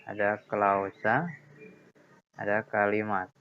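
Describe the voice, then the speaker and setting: A man's voice: lowish voice, monotone, slow pace, slight background noise. A man teaching a grammar lesson, explaining patiently and repeating key points with checks like "ya" and "nah". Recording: dull lo-fi sound.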